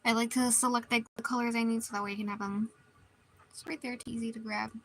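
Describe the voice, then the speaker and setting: A woman's voice: a little high, flat delivery, quick pace, slight background noise, low-quality recording. A woman streamer chatting casually while she draws, rambling and restarting her sentences often. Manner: rambling, meandering, many restarts.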